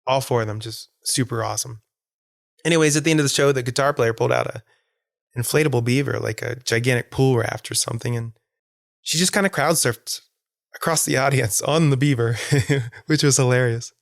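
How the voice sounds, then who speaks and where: A man's voice: medium pitch, a little fast, creaky, dry recording, clean studio sound. A man hosting a podcast, rambling with enthusiasm about a concert and laughing often. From Florida. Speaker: podcast host. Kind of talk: casual solo podcast monologue.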